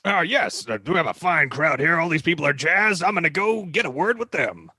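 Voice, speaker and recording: A man's voice: on the high side, lively intonation, brisk, sharp tone, husky, no room sound, clean studio sound. A man playing a confidently wrong sports reporter in a mock commentary.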